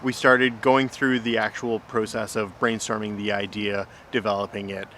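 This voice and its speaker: A vlog host interviews his writing partner in a casual chat, asking questions and explaining things informally. His voice is lowish and sharp, level in tone and at normal speed. Clearly noisy outdoor city ambience surrounds the recording.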